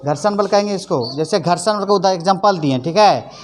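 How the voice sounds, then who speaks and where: A woman's voice: on the low side, brisk. A woman teacher explaining a lesson in plain, repetitive phrases, often checking that her pupils understand. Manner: leads call-and-response recitation. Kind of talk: classroom lesson. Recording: faint background noise.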